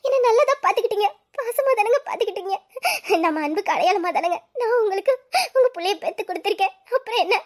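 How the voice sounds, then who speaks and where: A woman's voice: extremely high pitch, lively intonation, fast talker. A woman playing a devoted young wife who has just given birth, asking and pleading tearfully in an audio drama.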